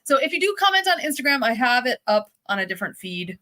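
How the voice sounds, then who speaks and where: A woman's voice: on the high side, very animated, fast talker, sharp tone. A woman co-hosting a casual fan live stream, chatty and upbeat, often exclaiming and chiming in.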